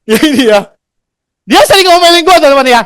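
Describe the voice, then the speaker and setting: A man's voice: very high-pitched, animated, fast, a bit bright. A man in his forties sharing his career story in a chatty, slangy motivational talk, acting out the dialogue he recounts. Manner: chatty, slangy, acts out quoted dialogue, laughs often.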